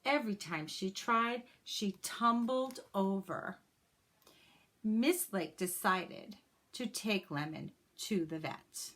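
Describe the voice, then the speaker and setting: This woman, with a mid-range voice, reads a children's picture book in a teacherly way. She shapes each phrase with expression and care, pausing to share personal asides with her young audience.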